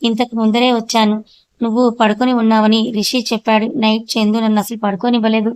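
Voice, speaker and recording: Woman narrator, fairly high voice, flat even delivery, audiobook reading. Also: quick pace, no echo. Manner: reads every character in her own voice, steady and clear. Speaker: storyteller.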